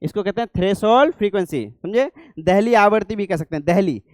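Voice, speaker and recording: High, clear-voiced male teacher lecturing a class. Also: fairly quick, no room sound, clean studio sound. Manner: keeps asking the class checking questions.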